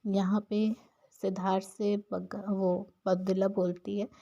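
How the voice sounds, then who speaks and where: Woman vlogger, casual show recap, chatty and opinionated, mellow tone, dull lo-fi audio. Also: medium pitch, level tone, unhurried, vocal fry. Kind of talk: casual episode recap narration.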